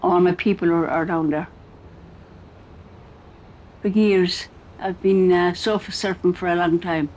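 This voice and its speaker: A man's voice: high voice, steady tone, a little slow, long pauses, darkish tone, a little hiss or hum, low-quality recording. A middle-aged man with a west of Ireland accent, giving a candid personal account in a hesitant, conversational way. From Ballinasloe, west of Ireland. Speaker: documentary interviewee.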